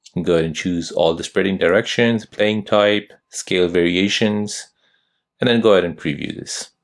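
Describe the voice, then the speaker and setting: A young man narrating a step-by-step phone tutorial as host, giving steady instructions. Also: low-pitched, normal speed.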